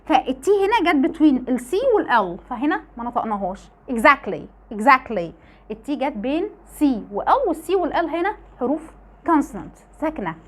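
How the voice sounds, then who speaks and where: A high-voiced woman with an Egyptian Arabic accent teaches an online pronunciation lesson. She talks quickly and with a lively, swooping pitch, repeating each example word as she explains it.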